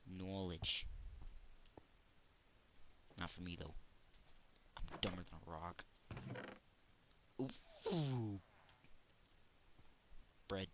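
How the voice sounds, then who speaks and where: Deep-voiced man muttering gameplay commentary. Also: expressive, drawn-out words, pauses often, background noise. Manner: mutters wry asides to himself while playing. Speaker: let's play gamer.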